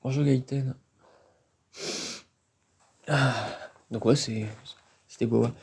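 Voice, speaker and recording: Mellow-voiced man live-streaming. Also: medium pitch, fairly even intonation, takes it slowly, slight background noise. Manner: casual, hesitant, thinking aloud. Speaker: urban explorer live-streaming. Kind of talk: live-stream exploration commentary. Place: outdoors at an abandoned industrial site.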